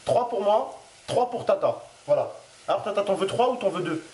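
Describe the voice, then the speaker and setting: Sitting high and sounding a little mellow, this man's expressive voice moves at normal speed as he hosts a casual cooking video. He talks and jokes right at the viewers in a roomy home kitchen, with a pan sizzling and frying noise around him.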